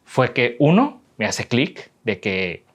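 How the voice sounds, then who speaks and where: A man hosting a podcast interview, talking in a relaxed, rambling way and often tagging his sentences with a question. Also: medium pitch, slow. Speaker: podcast host. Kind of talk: casual interview conversation.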